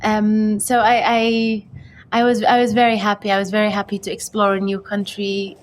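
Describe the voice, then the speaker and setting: Hesitant aid worker from Yemen. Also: female voice, mid-range voice, monotone, moderate pace, a little hiss or hum. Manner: hesitant, with many fillers and restarts. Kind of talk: reflective recounting.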